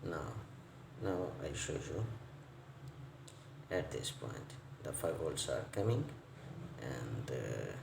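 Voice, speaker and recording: In an echoey indoor space with faint background noise, a non-native English-speaking male technician gives an improvised electronics repair tutorial. He speaks slowly with a gravelly low end and big pitch swings, halting, breaking his phrases into pieces and repeating words.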